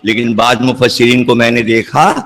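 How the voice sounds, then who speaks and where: Bright-voiced man preaching in a reverberant hall. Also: fairly even intonation. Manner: rises to emphatic near-shouting climaxes, then drops low. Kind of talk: sermon.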